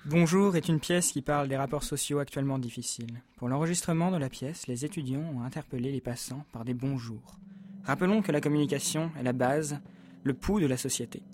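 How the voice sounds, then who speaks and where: Man, radio announcer, scripted, measured formal reading, mid pitch. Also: darkish tone, a little hiss or hum.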